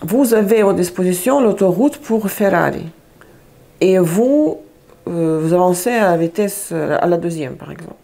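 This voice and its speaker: A woman's voice: lowish voice, expressive, moderate pace, creaky, warm tone. A woman giving a casual tarot reading, chatty, often searching for words and repeating herself. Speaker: tarot reader.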